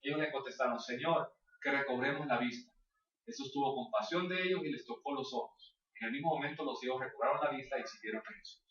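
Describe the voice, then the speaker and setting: Speaking quickly and hardly pausing, this man teaches a church course as a Bible class teacher, walking listeners through each step and frequently checking in with them. His voice is medium-pitched and a bit bright, and the lo-fi recording sounds distant, echoey, and dull.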